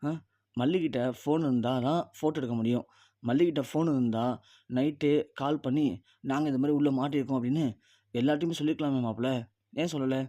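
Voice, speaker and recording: A man's voice: mid-range voice, quick pace, mellow, no room sound, close to an everyday voice. A man voicing a shrewd, protective older woman who defends her niece, in his own voice. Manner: shrewd, teasing. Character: older woman, the wife's aunt, sharp and protective.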